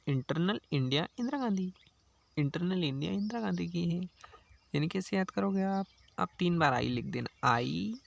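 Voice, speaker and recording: A man's voice: a little high, creaky, fairly bright tone. A man teaching exam-prep lessons, playfully explaining with silly memory tricks.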